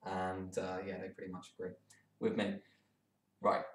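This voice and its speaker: A man's voice: low-pitched, completely flat delivery, a little slow, far from the mic. Casual male tutor in an echoey room. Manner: casual, thinks aloud, frank asides. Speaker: maths tutor. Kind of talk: exam walkthrough lesson.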